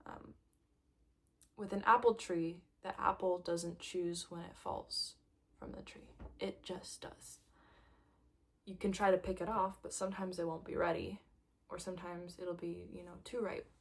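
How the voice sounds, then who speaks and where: Woman, tarot reader, gentle reflective talk, soft near-whispers, light laughs. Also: on the low side, little pitch movement, normal speed. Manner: laughs lightly between thoughts. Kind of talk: casual tarot reading to camera.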